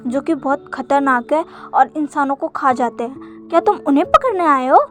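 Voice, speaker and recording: A woman's voice: sits high, animated, moderate pace, fairly bright tone, soft background music. A woman voicing an eager, pleading young man. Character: excitable sheltered young man, curious and pleading.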